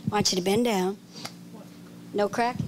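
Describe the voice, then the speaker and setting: A woman's voice: mid-range voice, steady tone, normal speed, a little hiss or hum. A woman evangelist leading a healing service, praying fervently and giving commands to those she prays for. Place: church service. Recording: music playing underneath.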